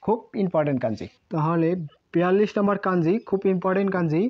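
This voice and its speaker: A woman's voice: fairly low pitch, quick pace. Patient woman teaching kanji. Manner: patient and repetitive, drills each word several times. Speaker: Japanese language teacher. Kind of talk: kanji lesson explained in Bengali. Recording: muffled lo-fi sound.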